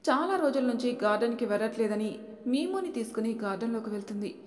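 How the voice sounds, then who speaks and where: A woman tells an audiobook story in a plain, steady way with a fairly high voice. The reading bounces around an echoey room, and each phrase leaves a long reverb behind it. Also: fast talker. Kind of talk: audiobook narration.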